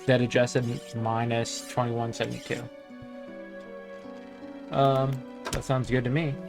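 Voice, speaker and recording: A man giving casual gameplay commentary, reading game text aloud and thinking out loud. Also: mid-range voice, flat delivery, takes it slowly. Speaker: gamer. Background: game music.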